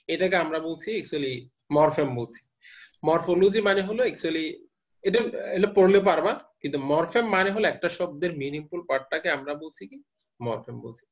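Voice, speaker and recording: A male teacher lecturing a class step by step and quizzing his students as he goes. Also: a little high. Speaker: university teacher. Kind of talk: lecturing class, mixing English terms. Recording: muffled lo-fi class recording.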